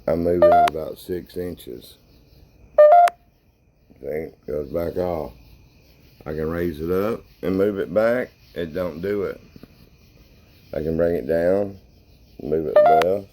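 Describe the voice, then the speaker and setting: A man's voice: rumbling low, very noisy. A man casually narrating a paranormal session and questioning spirits in a folksy, plain-spoken way. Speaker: paranormal investigator hosting a spirit box session.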